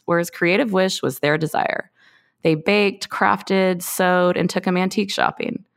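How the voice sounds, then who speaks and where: A woman host reads an upbeat scripted introduction to a podcast. Her voice is low and gravelly. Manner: upbeat, reading a prepared intro.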